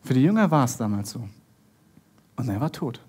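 Animated, husky-voiced man preaching a sermon. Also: medium pitch, brisk. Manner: animated storytelling, addresses listeners directly. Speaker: pastor.

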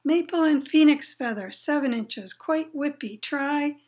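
A woman voicing an eccentric old male wandmaker, fussy and eerie, moving from low murmurs to excited cries. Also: a little slow. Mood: brisk, eager.

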